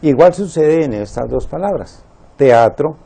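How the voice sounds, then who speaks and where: Man, teacher, spelling lesson, slow deliberate delivery, counts syllables aloud, mellow, gravelly. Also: mid-range voice, lively intonation. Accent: Latin American Spanish.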